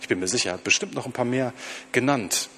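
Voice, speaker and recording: A man preaching a sermon to his congregation, slowing down to stress quoted lines. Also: mid-range voice, a bit bright, a little hiss or hum.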